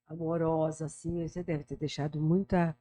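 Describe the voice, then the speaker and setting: Low mellow woman hosting a podcast. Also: level tone, normal speed. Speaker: podcast host. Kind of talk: casual podcast interview.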